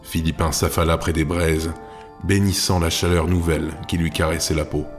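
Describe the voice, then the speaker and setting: A man narrating a fantasy audiobook in a measured storytelling manner. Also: low-pitched, level tone. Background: faint music.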